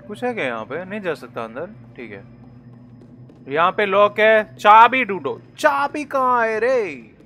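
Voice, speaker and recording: A man's voice: high-pitched, expressive, a little slow, pushed and bright, a little hiss or hum. A young man casually commentating a game as he plays, joking and teasing the enemies on screen. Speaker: gaming YouTuber. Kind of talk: casual Hindi gameplay commentary.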